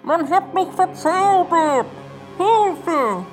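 In a storybook reading, a woman puts on a young boy faking a frightened, bewitched voice, high and shrill. The calls for help come slowly and are drawn out. They ring with long reverb, with faint music underneath. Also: lively intonation, exaggerated voice. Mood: pleading. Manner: shrill, pleading cries for help.

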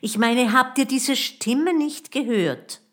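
A woman voicing an excitable, anxious young boy who speaks in eager, jumpy exclamations. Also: deep voice, slow pace, slightly rough, heavily acted. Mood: excited.

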